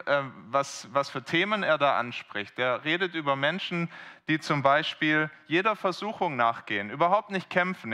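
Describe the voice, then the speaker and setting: A man's voice: on the high side, sharp tone. A man preaching a sermon, explaining a Bible passage earnestly and asking the congregation rhetorical questions.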